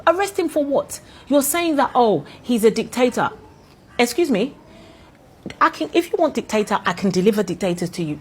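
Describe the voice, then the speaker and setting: A woman's voice: on the high side, slightly rough, low-quality recording. A Ghanaian woman vlogging fiery, indignant commentary, firing off rhetorical questions. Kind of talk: impassioned commentary to camera.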